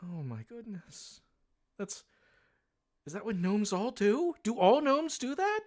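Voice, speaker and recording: A woman voicing a curious, fretful townswoman in a tabletop game, stammering and gently prying. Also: medium pitch, very animated, takes it slowly.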